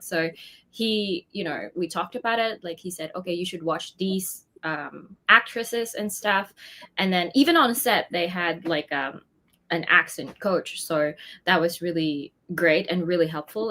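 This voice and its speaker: In a casual interview, a young actress from the Philippines speaks with a fairly low but fairly bright voice. She talks at length, with plenty of fillers and lots of laughing.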